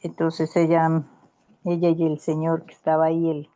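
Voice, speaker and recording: A woman's voice: low voice, monotone, normal speed, dark tone, clean tone, muffled recording. A woman in a casual Bible study conversation, telling a story in an earnest, rambling way with many restarts.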